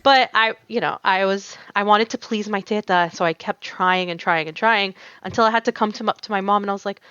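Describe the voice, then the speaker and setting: Her medium-pitched voice is brisk, smooth and fairly bright, though the dry recording sounds muffled. She's a young American tatreez artist, Arabic her first language, guesting on a casual podcast and telling stories with lots of laughter, fillers and restarts.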